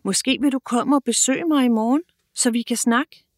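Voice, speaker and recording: A woman voicing a gentle, modest eleven-year-old boy in a children's audiobook, speaking softly. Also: on the high side, dry recording, studio quality, pitched above the performer's own voice, close to an everyday voice. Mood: calm.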